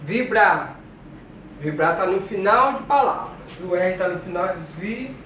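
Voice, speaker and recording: A man teaching a lesson, reading words out slowly and repeating each one. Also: high voice, lively intonation, slight background noise. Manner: slow, deliberate, repeats each word. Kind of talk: classroom lesson, reading a word list. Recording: distant, muffled, echoey room.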